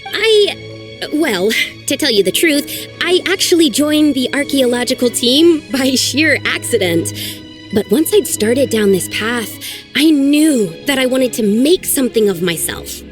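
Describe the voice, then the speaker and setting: For game dialogue, a woman plays an earnest young archaeologist who frets and sighs about her troubles. Her high voice is animated at a measured pace, with soft music behind.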